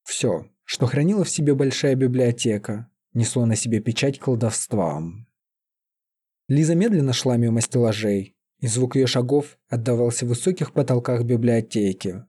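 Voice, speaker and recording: A man calmly reading a fantasy story aloud as an audiobook narrator. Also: medium pitch, moderate pace, slightly rough. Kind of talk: scripted narration.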